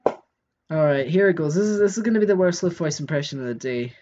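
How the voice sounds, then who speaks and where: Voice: medium pitch, lively intonation, fast talker, darkish tone, dull audio. A live streamer giving casual commentary while playing a game, thinking aloud and answering chat.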